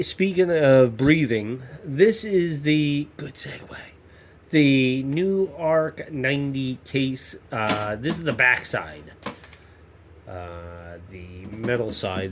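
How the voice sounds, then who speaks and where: Speaking in a mid-range voice with slight background noise, a man with a cold hosts a workshop vlog for his YouTube maker channel at home. He's rambling and jokey, frequently interrupting himself partway through sentences.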